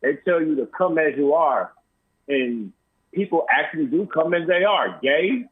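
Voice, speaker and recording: A man's voice: a little high, lively intonation, a little slow, breathy edge. A man calling in to a talk show from a big empty room, his voice bouncing around with a canyon-like echo. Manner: plain-spoken, casual slang. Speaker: caller. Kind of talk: call-in talk. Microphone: phone on speakerphone. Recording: tinny speakerphone in an empty echoing room.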